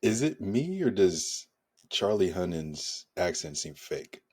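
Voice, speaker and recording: A man's voice: sits low, big pitch swings, slow, darkish tone, slightly rough. A man co-hosting a casual film discussion, laid-back and laughing at his own jokes. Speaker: podcast co-host.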